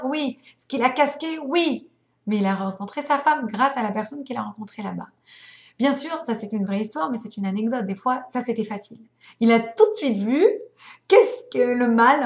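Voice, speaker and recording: A young adult woman teaching a spiritual lesson, telling stories in an animated way and acting out the voices. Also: on the high side. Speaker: religious teacher. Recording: roomy echo.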